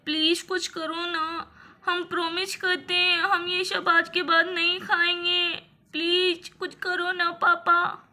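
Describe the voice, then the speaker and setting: A woman's voice: very high-pitched, bright, forceful tone, full character voice. A woman voicing a little girl who whines and pleads with her parents in a doll story. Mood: crying. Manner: pleading, weepy. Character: little girl, whiny sister with stomachache.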